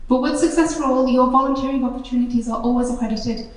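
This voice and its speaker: High-voiced woman hosting in an echoey hall. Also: steady tone, recorded from a distance. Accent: Northeast English. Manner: friendly, slightly halting with restarts. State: voice going hoarse. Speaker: charity event host. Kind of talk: live event presentation.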